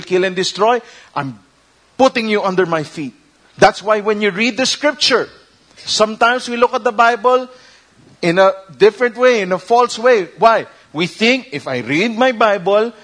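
Husky Filipino pastor preaching with fire. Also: male voice, high voice. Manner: switches between English and Tagalog, animated and emphatic. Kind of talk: sermon.

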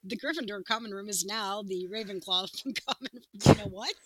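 A woman's voice: medium pitch, husky, no echo, poor audio. A woman co-hosting a podcast, chatting casually and playfully, laughing often. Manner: giggly, playful, quick to laugh. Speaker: podcast co-host. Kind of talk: casual chat.

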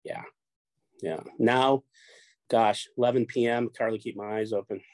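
A man's voice: fairly low pitch, steady tone, moderate pace, a little mellow, no room sound. Rambling, swearing man from Chicago. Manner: rambling, repeats words, swears freely. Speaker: poker show runner and guest. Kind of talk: casual chat.

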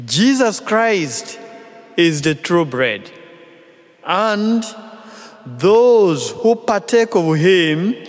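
Ugandan-accented male priest, very slow measured phrases, fairly high voice, long church reverb. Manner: slow, deliberate, phrase-by-phrase delivery. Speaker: visiting priest. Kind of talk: mission appeal homily at Mass. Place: large church.

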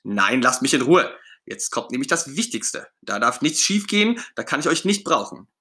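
A man's voice: mid-range voice, big pitch swings, moderate pace, sharp tone. Bert, a man doing a pompous fussy puppet. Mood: pompous, brusque. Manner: pompous, brusque. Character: fussy self-important male puppet friend. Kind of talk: storybook reading.

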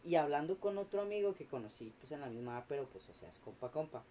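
A man, a podcast guest telling a story in animated, slangy, swearing casual chat. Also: a little high, fast talker, slight background noise.

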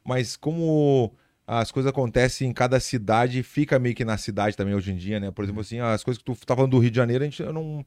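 A middle-aged male podcast host talks fast through rambling stories. His voice sits at a medium pitch, and he often restarts his sentences. The sound is dry and close. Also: a little mellow, no room sound. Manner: rambling, quick, with many restarts. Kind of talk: casual podcast chat.

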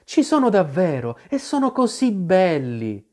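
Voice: medium pitch, huge pitch swings, unhurried, a little mellow. A reader voicing a polite, curious little girl in a storybook reading. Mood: earnest. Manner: polite and earnest.

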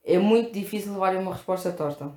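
Speaking quickly at a medium pitch, a woman with a European Portuguese accent co-hosts a casual chat, telling animated stories packed with fillers. Crowd noise fills the echoey room.

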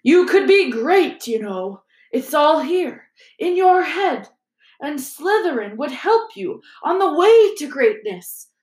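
A small, sly talking hat from a storybook, coaxing and tempting in a high, thin voice, as a woman reads it aloud. The words come slow and persuasive, with a noticeably echoey room around them. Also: big pitch swings, darkish tone, heavily acted.

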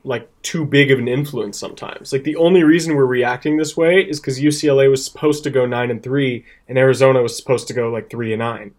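A young man in an easygoing sports chat with a co-host. His talk is loose and animated, full of "like" and "um", with laughs breaking in now and then. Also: medium pitch, brisk, hardly any pauses. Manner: animated, laughs often, fillers like "um" and "like". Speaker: podcast co-host. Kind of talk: casual sports betting chat.

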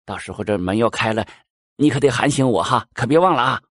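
A man's voice: mid-range voice, quick pace, no room sound, lightly acted. A grumpy, blunt male cat from a spoken folk tale, grumbling, as a man puts him on. The voice stays near a plain male middle register. It is close and dry, with no room sound. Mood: drowsy casual.

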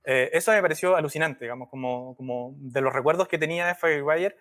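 Searching for his words, a man hosts a conversational interview on his podcast; he's a brand strategist. He talks fast in a slightly high, fairly bright voice, with noticeable hesitation.

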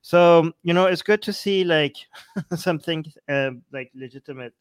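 A man with a higher-pitched, clean-toned voice speaks at normal speed as co-host of a casual live podcast discussion, in a dry recording. He often interjects, and his delivery is stop-start, restarting and repeating phrases as he goes.

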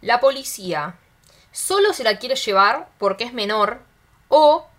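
Young woman, Argentine accent, casual film chat, acts out quotes, bright tone. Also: on the high side, unhurried. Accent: Rioplatense Spanish. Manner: animated retelling, acts out quotes, fillers like tipo. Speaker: film discussion co-host.

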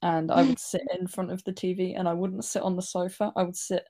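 A woman's voice: on the low side, flat delivery, brisk, dark tone. A woman from England, co-hosting a podcast in a teasing, casual way. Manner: teasing, laughs often. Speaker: podcast co-host. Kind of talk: casual chat.

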